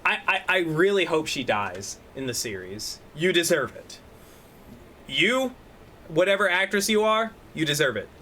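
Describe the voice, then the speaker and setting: This man co-hosts a loose, casual podcast, talking in a bright, somewhat high voice. He rambles, swears freely, and acts out his points as he goes. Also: sing-song, measured pace, slight background noise. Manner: profane, rambling, demonstrative. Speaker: podcast co-host. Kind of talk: casual chat. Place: room at home. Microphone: desk microphone.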